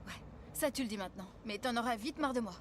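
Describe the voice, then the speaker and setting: A woman's voice: on the high side, background noise, natural voice. A woman playing an impulsive teenage girl in love, in a dubbed film scene. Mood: sheepish. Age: teens. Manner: impulsive, quick to flare up. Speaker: high school girlfriend.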